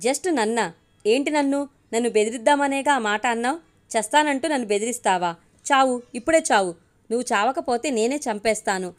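A woman's voice: on the high side, fairly quick, close to an everyday voice. A woman voicing a fiery, blunt young woman in an audio story, speaking in a biting, scolding way. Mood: furious.

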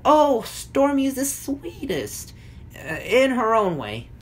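A man voicing a bubbly, cheerful young female Smurf with a high, sunny voice. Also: wildly swooping pitch, takes it slowly, bright, forceful tone, exaggerated voice.

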